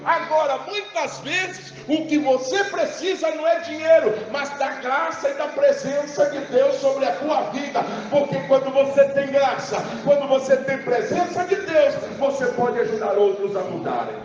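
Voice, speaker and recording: A man from Rio de Janeiro preaching a sermon in an animated, jokey way, calling out to his congregation. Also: extremely high pitch, normal speed, few pauses. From Rio de Janeiro, Brazil. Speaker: pastor. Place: large church hall. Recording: roomy church hall, dull sound with music.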